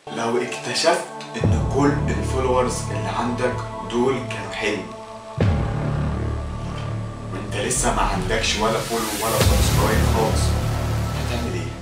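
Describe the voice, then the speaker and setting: A young man with an Egyptian Arabic accent hosts a comic Q&A vlog, joking and switching between mock-serious mumbling and loud outbursts. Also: fairly low pitch, brisk, long pauses, heavy reverb, distant mic, over loud music. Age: young adult. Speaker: comedy YouTuber.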